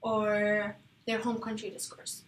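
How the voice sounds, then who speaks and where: A woman's voice: mid-range voice, completely flat delivery, takes it slowly. A young woman from Iraq presenting her research proposal to classmates, hesitant, with fillers and self-corrections. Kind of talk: casual class discussion. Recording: echoey room with faint noise.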